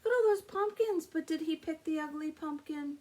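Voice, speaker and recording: Reading to young children in an over-the-top sing-song style, a woman pauses to ask them questions. Her voice sits high, a bit fast and a little mellow.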